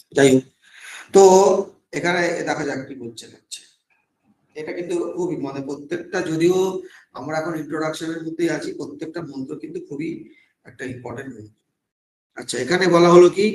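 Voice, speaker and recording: A man's voice: a little high, a little hiss or hum. A monk teaching scripture in a slightly raised voice, heard in a roomy, echoing space. He explains step by step, poses questions and answers them himself, and drops English words into his talk. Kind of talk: scripture class lecture.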